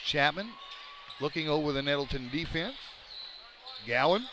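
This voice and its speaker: Over the din of a noisy gym, a man with a high voice provides live basketball play-by-play. He fires off fast, excited calls that climb on big plays and fills quieter stretches with jokey banter.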